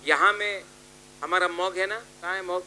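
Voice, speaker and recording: A man's voice: high voice, fairly even intonation, unhurried, pushed and bright, slight background noise. A man giving a rousing political rally speech, calling out and repeating his appeals to the crowd.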